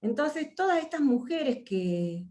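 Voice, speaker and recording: Her voice is high yet darkish in tone, very animated but slow. She is an Argentine facilitator from Mendoza leading an online workshop via video call, speaking reflectively in Argentine Spanish with frequent fillers and restarts.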